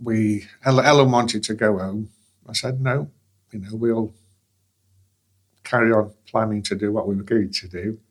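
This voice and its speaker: Low-voiced man in his sixties. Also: fairly even intonation, normal speed, long pauses. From England. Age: 60s. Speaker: interviewee. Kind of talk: conversational interview.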